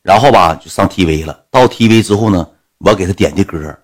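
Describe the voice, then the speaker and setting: A man's voice: deep voice, brisk. A man telling a casual anecdote, acting out the dialogue as he goes. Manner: animated, acts out the quoted dialogue. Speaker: storyteller.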